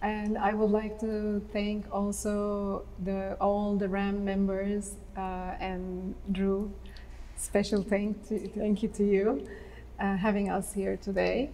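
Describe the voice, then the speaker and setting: A woman from Turkey with a Turkish accent, presenting her artwork at a talk and often pausing with fillers and restarts. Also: medium pitch, flat delivery, warm tone, big-room sound, distant mic, rough recording. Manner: hesitant, many fillers and restarts. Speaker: visual artist. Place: museum atrium.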